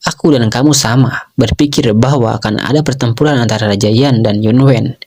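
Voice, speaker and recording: A man's voice: mid-range voice, fairly quick, a little mellow, lightly acted. A man voicing a lazy, joking young nobleman who likes women, in a casual storytelling recap. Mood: teasing. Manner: teasing, exclaiming.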